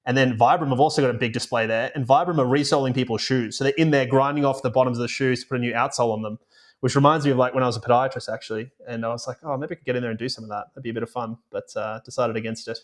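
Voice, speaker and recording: A man's voice: mid-range voice, fairly even intonation, racing. A man co-hosting and producing a podcast, chatting casually and telling rambling stories with many fillers. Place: remote, recording away from home.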